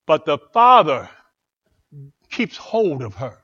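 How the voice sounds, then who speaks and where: A man with a somewhat high, husky voice speaks slowly, captured in lo-fi sound. He's preaching a sermon, telling a story with animated drama and repeating phrases for emphasis.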